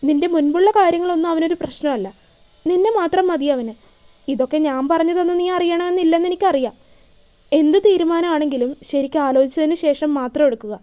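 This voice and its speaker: A woman's voice: very high voice, fairly quick, warm tone. A woman voicing an earnest young man, reassuring and sincere in his advice. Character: earnest young man, caring elder brother figure.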